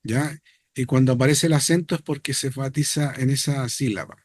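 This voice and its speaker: A man's voice: medium pitch, fairly even intonation, fairly quick, darkish tone, no room sound. A man teaching a Hebrew class, explaining step by step and checking that students follow.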